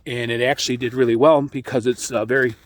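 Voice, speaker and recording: A middle-aged American man giving an informal, rambling explanation as a radio hobbyist, speaking in a halting way. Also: mid-range voice, steady tone, a little hiss or hum. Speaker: amateur radio hobbyist hosting an introductory video.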